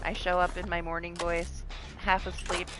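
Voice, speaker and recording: A woman's voice: fairly low pitch, completely flat delivery, moderate pace. A young woman live streaming a game, chatting casually, laughing often and swearing freely. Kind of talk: casual gameplay commentary. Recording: background noise.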